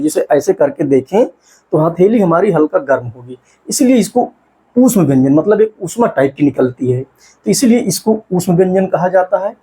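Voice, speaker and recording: A man teaching an exam-prep class in a husky, slightly high voice. He poses a question and answers it himself, then slows down to sound out syllables one by one. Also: dark tone.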